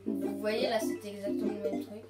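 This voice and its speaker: A woman giving casual let's-play commentary on a video game. She is excitable, yelps when startled and repeats phrases to calm herself. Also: medium pitch, fairly quick. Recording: roomy sound with loud game music.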